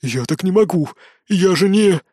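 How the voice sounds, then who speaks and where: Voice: mid-range voice, expressive, measured pace, dark tone, dry recording. Reader as a cornered ladies' man, rattled and stammering, close and dry. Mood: flustered. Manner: flustered, pleading. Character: panicky boastful young man.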